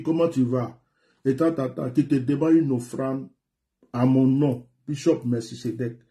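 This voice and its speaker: A man, a pastor from Côte d'Ivoire, talking live to viewers and callers in an animated, repetitive way. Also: medium pitch. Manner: animated and repetitive, laughs often. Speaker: pastor hosting a live show. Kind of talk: live-stream talk with callers.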